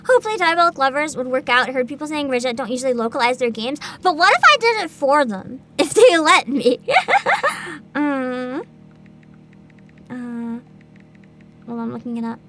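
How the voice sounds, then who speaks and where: A woman hosting a livestream chats casually with viewers in a giggly, expressive way, full of interjections. Her voice sits high.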